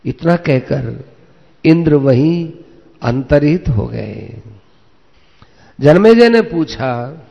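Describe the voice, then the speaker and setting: Slow, gravelly man telling an epic. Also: a little high, expressive, dark tone. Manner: slow, measured, with small slips. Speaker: storyteller. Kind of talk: devotional epic storytelling. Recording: echoey, dull lo-fi recording.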